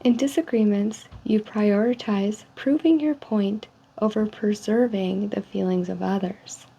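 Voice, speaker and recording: A woman speaking softly in an ASMR role-play, reading survey statements in a polite, measured customer service manner. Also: mid-range voice, fairly even intonation, vocal fry, husky. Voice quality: soft, hushed. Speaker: ASMR role-player as call center agent giving a personality survey. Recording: dull lo-fi sound with faint noise.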